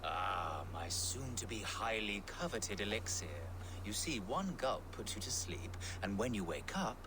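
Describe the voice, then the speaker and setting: An actor playing a sly, theatrical elixir peddler in a video game, persuasive and grandiose. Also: male voice, on the low side, animated, unhurried, creaky, a crowd in the background. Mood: persuasive, scheming. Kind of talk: video game character acting. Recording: busy game ambience behind the voice.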